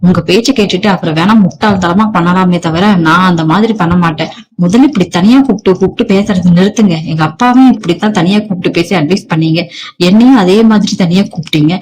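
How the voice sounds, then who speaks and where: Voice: medium pitch, fast, a little hiss or hum, lightly acted, poor audio. A narrator reading as a defiant young wife. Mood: angry, defiant. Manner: sharp, scolding. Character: defiant angry young married woman.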